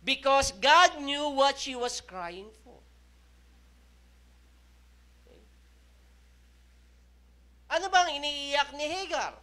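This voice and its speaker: A pastor with a Filipino accent preaches a sermon in a mix of Tagalog and English, often checking in with "okay?". His voice is extremely high, pushed, bright, and very animated, and his slow, emphatic preaching rises and falls in intensity.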